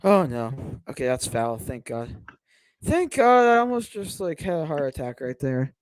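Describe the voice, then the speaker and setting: A young man co-hosting a podcast, chatting casually and calling the game at a watch party, rambling and excitable. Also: medium pitch, normal speed, dry recording. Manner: rambling, excitable, lots of fillers and laughs. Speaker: podcast co-host and Cubs fan. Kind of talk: casual play-by-play chat during a watch party.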